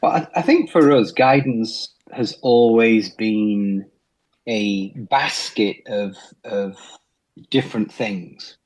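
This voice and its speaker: A middle-aged man from England with a British accent talks as a guest in a podcast interview. His voice sits on the lower side, and he speaks in a measured, reflective way with a light touch of humor. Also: darkish tone, low-quality recording. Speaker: missionary pastor guest.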